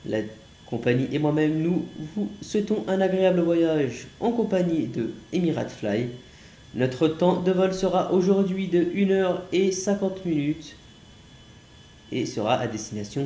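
A man's voice: a little high, expressive, a little slow, mellow, echoey room. A man playing an airline captain who speaks from the cockpit, giving radio calls and formal welcome announcements in a mock-official tone with hesitant fillers. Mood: announcing. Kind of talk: playful role-play during a flight-simulator gameplay video.

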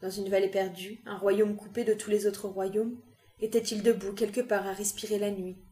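A woman reading a novel aloud with calm, even narration. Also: medium pitch, moderate pace. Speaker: reader.

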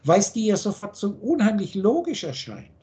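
A man's voice: high voice, huge pitch swings, a little fast, warm tone. A man teaching in a video call, blunt and preachy, firing off rhetorical questions. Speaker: spiritual teacher.

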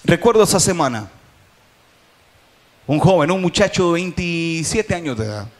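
A man preaching a sermon as pastor in a church, with a Salvadoran Spanish accent, calling out to the congregation and rising to loud exhortation. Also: on the high side, big pitch swings, moderate pace. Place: church hall.

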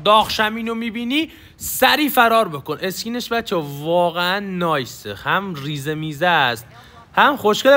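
Animated young male gaming commentator. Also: high voice. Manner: chatty, coaching viewers on tactics. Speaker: gaming YouTuber. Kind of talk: casual gameplay commentary.

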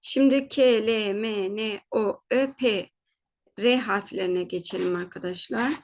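A woman teaching German pronunciation in a patient spoken lesson, repeating each word slowly, checking in often, and fixing her own slips as she goes. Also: medium pitch, slight background noise.

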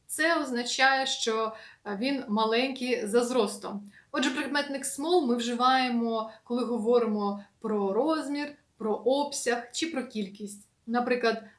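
A woman teaching an English lesson in a casual, patient way, slowly repeating words with many fillers. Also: on the high side, echoey room.

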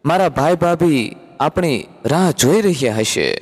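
Storybook role: an irritated, snappish wife, played by a man, lively pitch swings, echoing hall. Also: measured pace, husky. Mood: impatient. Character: impatient, haughty young wife. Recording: long hall reverb.

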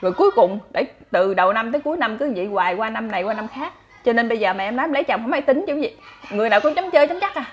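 A woman with a Southern Vietnamese accent, chatty and animated, telling folk stories to her listeners as a channel host. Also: a little high, racing, dull audio, a little hiss or hum. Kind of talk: casual folk storytelling.

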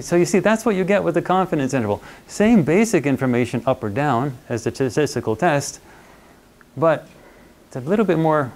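A man's voice: on the high side, darkish tone. A man giving a university lecture in a conversational, playful way, often checking in with his students. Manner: playful, acts out little quoted voices. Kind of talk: classroom statistics lecture.

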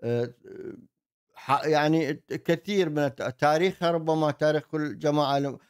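A man explains ideas in a monologue, haltingly, often repeating himself as he searches for words. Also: a little high, steady tone, smooth. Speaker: host, commentator. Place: indoor desk setup with virtual backdrop. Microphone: desk microphone on an arm.

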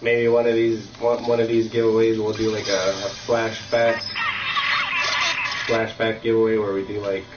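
A young man with a cold, sniffly and easygoing, streams a game from a room at home, chatting casually and rambling with lots of fillers. His voice is on the low side and monotone at a normal speed, with music playing behind him. The mic sounds distant, roomy, dull, and lo-fi.

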